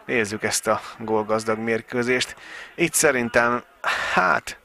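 A man giving excited, partisan live football commentary for a local match, cheering on the home side. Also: medium pitch, vocal fry, a crowd in the background.

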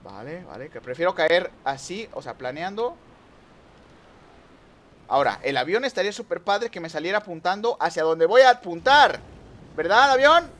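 A young man giving lively gameplay commentary, talking to viewers and teasing rivals. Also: on the high side. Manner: excitable, talks to viewers and rivals, trash-talks. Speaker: gaming youtuber.

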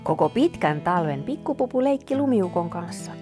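A woman reading a children's picture book aloud in a gentle, animated storytelling manner. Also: on the low side, music in the background.

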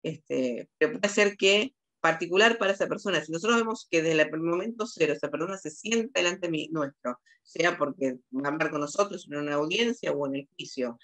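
A woman's voice: low-pitched, fairly quick, hardly any pauses, a bit bright. A woman psychologist with a Rioplatense Spanish accent giving a lecture over a video call, talking with many fillers and restarts.

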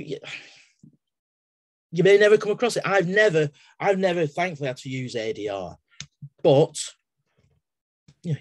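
On a laptop-webcam video call from his home study, a middle-aged man with an English accent gives a casual explanatory talk as a webinar guest speaker and exam assessor. His voice sits on the high side, recorded dry, and he is chatty and digressive, with everyday analogies and frequent restarts.

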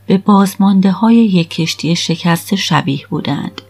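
Husky woman narrating an audiobook. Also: on the low side, a little mellow. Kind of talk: first-person audiobook narration.

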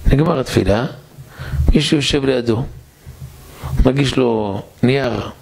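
A man preaching as a rabbi in a synagogue, telling a story vividly and slowing down for emphasis. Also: medium pitch, gravelly, a little mellow, slightly rough. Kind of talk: storytelling sermon.

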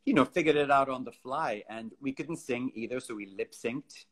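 A man in his thirties from Kenya, a theater director, telling stories in a relaxed way with frequent ums and likes over a video call from home. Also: medium pitch, normal speed. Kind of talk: casual video-call interview. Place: home room with bookshelves. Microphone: laptop webcam on video call.

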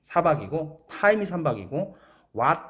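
A man's voice: fairly high pitch, very animated, slow pace, a bit bright. A man teaching English pronunciation, breaking words into beats and repeating sounds as drills. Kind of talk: spoken English lesson.

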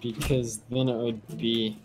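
Teen boy, casual gamer chat, slow easygoing delivery, frequent laughter, music bed. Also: mid-range voice, flat delivery. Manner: giggly, goofy, bursts of laughter.

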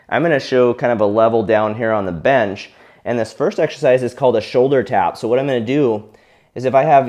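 A young man explaining shoulder exercises in a relaxed coaching tone while he demonstrates them. At times he is out of breath from the exercise. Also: medium pitch. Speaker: physical therapy instructor.

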